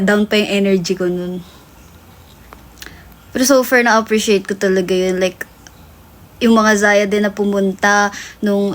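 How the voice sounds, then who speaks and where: A young woman hosting a livestream, telling a long story in casual chat that switches between Tagalog and English and is full of fillers. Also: medium pitch. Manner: rambling Taglish storytelling with many fillers. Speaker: livestream host.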